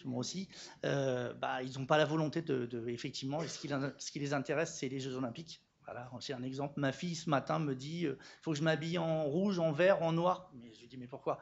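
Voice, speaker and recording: A middle-aged man speaking as a social worker from a conference audience, halting and emotional, his voice trembling, with many restarts. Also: fairly high pitch, gravelly, muffled recording, a little hiss or hum.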